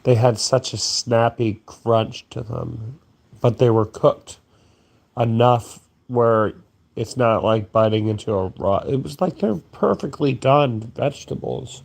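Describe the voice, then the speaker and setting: A drowsy young man drifts through a late-night ramble, cursing casually and losing his train of thought. He talks slowly, his voice sitting at an ordinary mid pitch and sagging with sleepiness. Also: creaky, a little mellow. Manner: drowsy, crude and meandering, yawning. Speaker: streamer.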